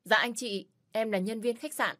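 A woman's voice: on the high side, normal speed, pushed and bright, voice pushed up. A woman voicing a polite, deferential young hotel employee who pleads to be let in, in an audio story. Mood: pleading.

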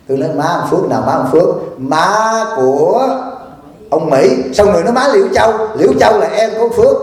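A man giving a storytelling sermon as abbot, animated and chuckling as he acts out dialogue. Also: sits high. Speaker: abbot giving a dharma talk. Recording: very echoey room.

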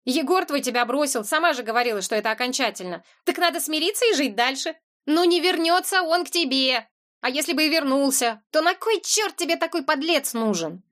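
A woman reading the part of a pushy, sarcastic woman friend who talks in a rapid-fire rush. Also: high-pitched, lively intonation, fairly bright tone, pitched above the performer's own voice. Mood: insistent. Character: brash, pushy woman friend, quick talker.

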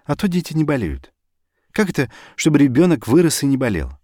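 Man doing a fussy young wife, polite yet grudging, high voice, lively pitch, dry sound. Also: brisk, dry recording. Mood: grumbling. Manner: polite, then sulky grumbling. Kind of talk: audiobook character voice.

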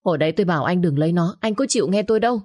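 A woman voicing an angry, shrill old mother-in-law. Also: expressive, very fast. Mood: bitter, complaining. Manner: scolding, shouting insults.

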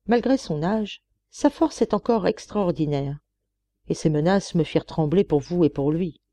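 A woman's voice: fairly low pitch, moderate pace, dark tone, dry recording, natural voice. A woman reading the part of an earnest, self-sacrificing young woman in an audiobook, in a pleading, heartfelt way.

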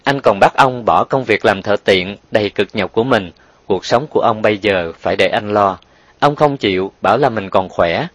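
A man narrating an audiobook in an even, sentimental storytelling way. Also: lowish voice, no room sound.

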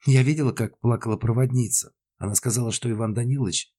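A man's voice: medium pitch, steady tone, fast, dark tone, breathy edge, voice pushed up, natural voice. A man voicing an earnest young woman sleuth.

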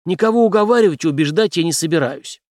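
A stubborn, brash officer pushes his point in forceful, clipped phrases, played by a male audiobook reader. The voice sits fairly high, recorded dry and close. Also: animated, fast talker, no echo, natural voice.

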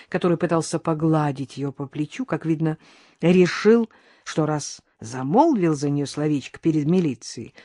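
A woman narrating a first-person audiobook in a lively, ironic storytelling manner. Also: low voice, no room sound, clean studio sound.

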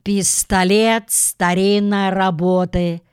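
A woman voicing a brisk male auctioneer who calls out bids in a loud, announcing way in a storybook reading. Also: mid-range voice, level tone, clear, resonant tone, no echo, studio quality, lightly acted.

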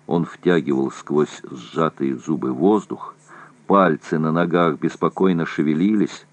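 A man narrating a war novel in a steady, even reading. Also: rumbling low, a little slow, no room sound. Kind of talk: audiobook reading of war prose.

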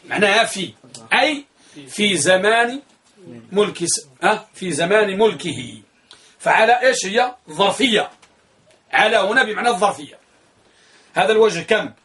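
Guy teaching grammar, high bright voice, quizzes the class then answers himself, repeats stuff. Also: lively intonation, moderate pace, pauses often. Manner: asks his class questions, then answers them himself; repeats key phrases for emphasis.

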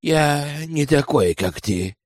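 A bitter, scheming village outcast, as a man reads him, sullen and full of self-pity. His lines swing up and down in pitch through a dry, close audiobook reading. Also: expressive, slow pace, a little mellow, dry recording. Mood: sly. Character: resentful scheming male village outsider.

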